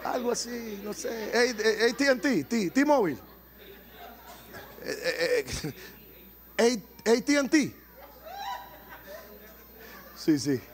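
A Puerto Rican man preaching a sermon, animated, swelling to shouts and dropping into joking asides. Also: very high-pitched, breathy edge. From Puerto Rico.

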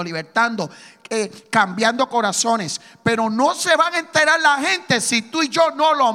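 A man's voice: very high-pitched, sharp tone, big-room sound. A man preaching a sermon to a congregation, emphatic and full of rhetorical questions. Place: church sanctuary.

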